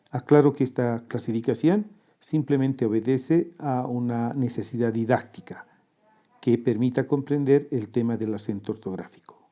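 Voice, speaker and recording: A man narrating a scripted lesson in a calm, methodical manner, walking step by step through each example. His voice is very dark and mellow, at an ordinary middle pitch. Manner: measured, methodical, breaks words into parts. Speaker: teacher.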